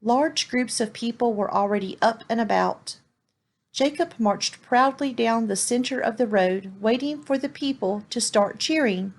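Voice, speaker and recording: Brief: female storyteller, slightly high voice, clear and expressive read-aloud for kids. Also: measured pace.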